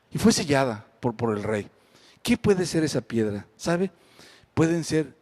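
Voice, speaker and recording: A male pastor preaching a sermon at a live-streamed church service, reading scripture aloud with rising force and then asking the congregation questions in a quieter voice. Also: mid-range voice.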